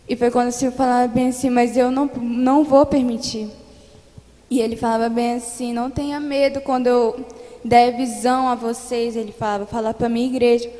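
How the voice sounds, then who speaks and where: A young woman with a Brazilian Portuguese accent, giving an earnest, fervent religious testimony in a church and retelling it in repeated phrases. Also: fairly high pitch. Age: young adult. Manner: earnest, repetitive storytelling that grows louder and more fervent. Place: church hall. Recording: echoey church hall.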